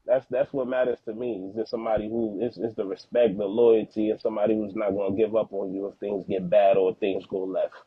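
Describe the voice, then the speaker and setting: On the low side with little pitch movement and a breathy edge, this young man talks briskly with few pauses. A father of Haitian background living in the US, native in Haitian Creole, he guests on a podcast in casual, heartfelt interview talk, earnest and slangy, repeating words for emphasis, over dry narrow-band phone-like audio.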